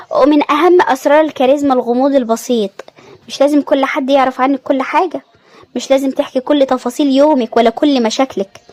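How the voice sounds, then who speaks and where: In calm, measured short phrases, a woman with an Egyptian Arabic accent reads scripted self-help narration. Her voice is high, and there's no echo.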